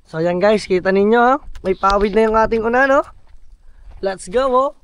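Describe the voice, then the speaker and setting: Upbeat high-voiced man vlogging. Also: normal speed, a little hiss or hum. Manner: upbeat, addresses viewers directly. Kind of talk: casual vlog narration. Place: outdoor camp build site.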